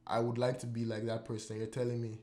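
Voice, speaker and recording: A man's voice: medium pitch, completely flat delivery, fast, a little mellow. A man hosting a podcast in casual chat, rambling and restarting, with lots of "like" and repeated words. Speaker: podcast host. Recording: roomy echo.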